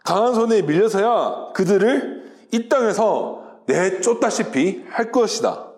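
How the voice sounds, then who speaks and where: A man voicing God as a calm, patient teacher speaking slowly and steadily. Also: high-pitched. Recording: roomy echo.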